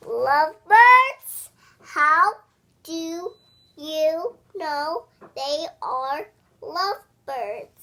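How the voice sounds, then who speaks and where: Storybook elephant, played by a child: male, easily upset, incredulous, halting, with big pitch swings. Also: sing-song, bright, forceful tone, exaggerated voice. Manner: exclamatory, halting, incredulous questioning.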